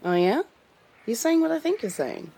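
A woman's voice: a little high, very animated, moderate pace, gravelly, mellow, husky, full character voice, rough recording. A woman playing a brash, gossipy, saucy gunslinger in a comic Western audio drama. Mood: flirtatious.

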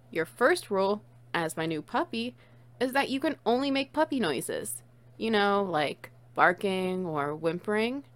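A woman's voice: medium pitch, a bit bright. A woman playing a playful, teasing, bossy friend in an intimate one-sided audio role-play, coaxing and doting on the listener. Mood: teasing, smug. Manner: teasing, coaxing, cooing praise.

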